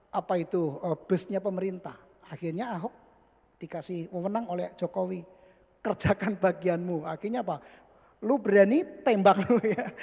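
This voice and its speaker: Husky-voiced preacher in a reverberant hall. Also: male voice. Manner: animated preaching, voice leaping high and loud for emphasis; drops to a soft low voice for asides. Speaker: pastor. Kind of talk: sermon.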